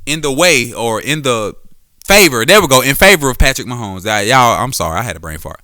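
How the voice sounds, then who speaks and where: A man's voice: mid-range voice, lively intonation, fairly quick, pushed and bright, no echo, clean studio sound. A man hosting a solo podcast, talking casually and profanely about sports, with frequent restarts and self-corrections. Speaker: podcast host; former quarterback.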